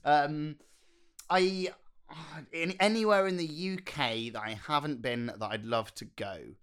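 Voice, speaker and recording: A man's voice: a little high, a little slow, a bit bright, clear, resonant tone. Posh RP-accented British man, chatting casually. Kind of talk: casual chat.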